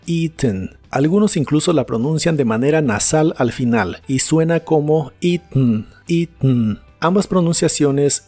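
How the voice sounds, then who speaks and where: Calm Spanish-speaking man teaching English words. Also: on the high side. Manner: slow, careful word-by-word pronunciation drills. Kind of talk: scripted narration of a lesson. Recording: soft music behind the voice.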